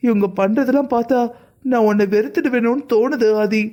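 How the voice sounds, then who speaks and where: Someone voicing a hurt young wife, deep-toned. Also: female voice, fairly quick, warm tone, lightly acted. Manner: hurt, complaining, pleading. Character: upset young married woman, elder sister. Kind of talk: cartoon voice acting.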